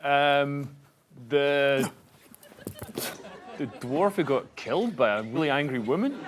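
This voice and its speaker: A man playing team captain on a comedy panel show, telling rambling, excitable jokes and guesses. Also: mid-range voice, slow, slight background noise. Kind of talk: improvised comedy banter.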